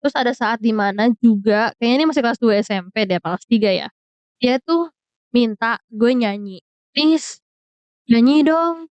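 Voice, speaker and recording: A woman's voice: a little high, fairly quick, clear, resonant tone, dry recording, lo-fi sound. A young woman telling a storytime in casual, slang-heavy chat, mixing English words in. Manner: chatty, mixes English into slang-heavy Jakarta speech. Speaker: vlogger.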